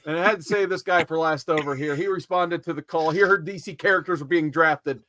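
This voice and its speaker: A man hosting a live comic-book stream, introducing his guests in a lively, upbeat casual chat over a home mic. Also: on the high side, brisk, slight background noise. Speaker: podcast host.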